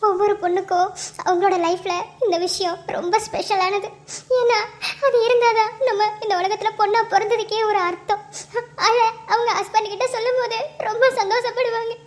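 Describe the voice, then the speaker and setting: Woman doing a very high, tearful young cartoon wife. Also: level tone, fairly quick. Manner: emotional, pleading. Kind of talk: cartoon voice acting.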